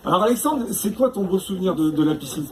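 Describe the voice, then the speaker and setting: High-pitched guy doing stand-up, teasing the crowd, chatty, noisy live room. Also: expressive, fast, a little mellow. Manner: chatty, teasing the audience, constant tag questions. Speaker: stand-up comedian. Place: stage before a live audience.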